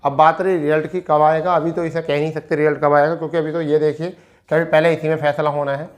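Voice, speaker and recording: This educational presenter talks quickly in a high-leaning, level voice, explaining an on-screen document with an Indian accent. He keeps it informal, repeating himself, answering his own questions, and blending in English terms.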